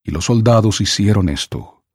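A man reading scripture aloud for an audiobook in a measured, solemn way. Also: fairly low pitch, animated, slightly rough, no echo, clean studio sound. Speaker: scripture reader.

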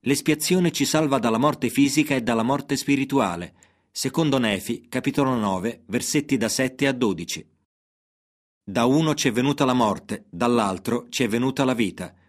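A man narrating a religious parable and scripture references in a measured, even reading voice. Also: medium pitch.

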